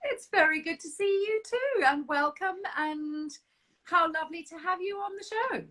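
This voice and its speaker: A woman's voice: extremely high pitch, expressive, normal speed, pushed and bright. A bubbly, chatty woman from South Africa hosts a live online interview from her home. She laughs easily between her questions and keeps the talk friendly and casual. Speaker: host. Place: home, on a video call. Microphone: video call.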